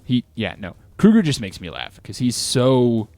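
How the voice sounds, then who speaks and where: A man's voice: mid-range voice, very animated, moderate pace, a little mellow, no echo. A man co-hosting a casual chat about tabletop game lore, rambling with lots of restarts and filler words. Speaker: co-host.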